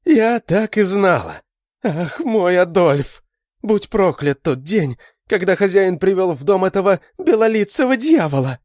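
A man's voice: sits high, very animated, a little slow, a little mellow, no room sound, clean studio sound, voice pushed up. A man voicing a fierce young village woman who is frantic. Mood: anguished.

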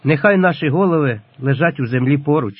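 A man voicing a penitent young male janissary captive, earnest and pleading, read in a husky voice on a lo-fi recording. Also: fairly high pitch, lively intonation, fairly quick, no room sound. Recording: lo-fi dull audio.

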